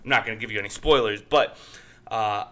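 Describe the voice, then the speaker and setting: A man's voice: lowish voice, a little fast, sharp tone. A man co-hosting a podcast, chatting casually about the news in a loose, rambling way with lots of fillers. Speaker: podcast co-host.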